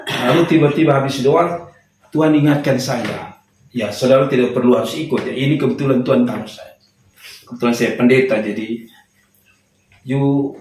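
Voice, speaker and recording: A man's voice: mid-range voice, darkish tone. A young man, preaching a sermon as a pastor and telling a personal story with humor. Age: young adult. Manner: storytelling with humor, laughing at his own jokes. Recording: echoey hall, voice from far off.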